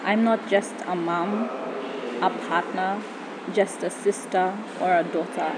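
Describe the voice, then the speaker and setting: A woman's voice: lowish voice, fairly even intonation, unhurried, very noisy. A woman giving spoken-word poetry and personal reflection. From Papua New Guinea.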